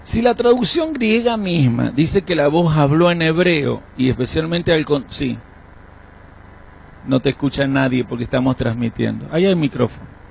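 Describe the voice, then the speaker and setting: A man leading a live-streamed Bible class, explaining texts and checking understanding with quick rhetorical questions. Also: fairly high pitch, lively intonation, darkish tone, a little hiss or hum. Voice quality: gravelly, husky. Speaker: Bible teacher. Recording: dull lo-fi stream audio.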